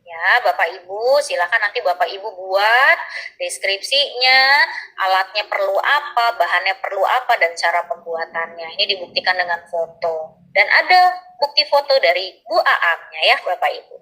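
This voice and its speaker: A woman giving an explanatory tutorial to teachers, addressing them politely again and again and pausing often on filler sounds. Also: mid-range voice, animated, bright, forceful tone, poor audio. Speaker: teacher trainer.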